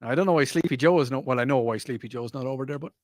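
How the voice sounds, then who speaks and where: An Irish man hosts a talk radio show, delivering a casual, rambling monologue in which he repeats himself, sounds mocking, and laughs often. His medium-pitched voice comes rapid-fire, captured in a dry, clean studio recording.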